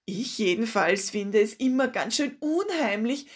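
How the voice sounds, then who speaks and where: Friendly older market woman, read by a woman, gentle coaxing tone. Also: sits high, sing-song, moderate pace, voice pushed up. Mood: kind. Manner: kind, coaxing.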